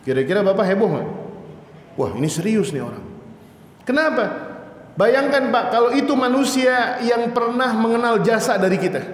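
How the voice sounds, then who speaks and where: Middle-aged male preacher, high-pitched, animated storyteller; echoey mosque hall sound. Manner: lively storytelling, asks the audience questions, acts out voices. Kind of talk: mosque study sermon.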